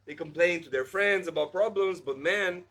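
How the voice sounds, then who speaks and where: Thirties guy hosting a podcast, kinda high voice, blunt, says like a lot. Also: moderate pace, fairly bright tone. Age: 30s. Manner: heavy use of "like", blunt and preachy. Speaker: podcast host. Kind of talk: casual chat.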